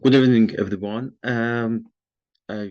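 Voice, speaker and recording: A man's voice: mid-range voice, steady tone, a little slow, no echo. A man politely introducing himself over a video call with his camera off, hesitant and full of fillers. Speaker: workshop participant. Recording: dull dry video call audio.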